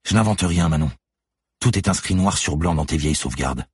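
A man's voice: deep voice, animated, brisk, slightly rough, no room sound, exaggerated voice. A man voicing a relentless woman police detective who lays out her accusations steadily and methodically in an audiobook. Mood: accusing, cold. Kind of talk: audiobook character voice.

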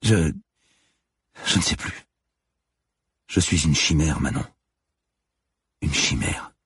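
A man's voice: very deep voice, takes it slowly, breathy edge, no echo, exaggerated voice. A man voicing a young woman police officer, terse and commanding. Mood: haunted confiding.

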